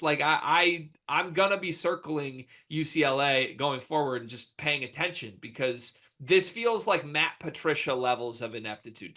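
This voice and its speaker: A man with an American accent and a slightly higher-than-average voice hosts casual sports talk. He speaks emphatically, leaning on slang and exaggeration as he makes his points. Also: bright, forceful tone. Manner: emphatic, informal slang with hyperbole. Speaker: sports podcast host.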